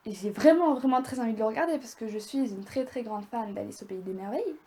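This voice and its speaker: A woman's voice: a little high, animated, fast, a little mellow, a little hiss or hum. A young woman talking casually to viewers in a review vlog, chatty and rambling as she goes. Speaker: video creator.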